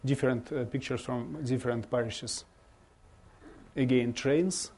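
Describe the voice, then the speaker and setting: A man from Russia with a Russian accent gives an informal slideshow talk as a visiting bishop, speaking halting non-native English and searching for words. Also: mid-range voice, fairly even intonation, warm tone, breathy edge. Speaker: bishop giving a guest presentation.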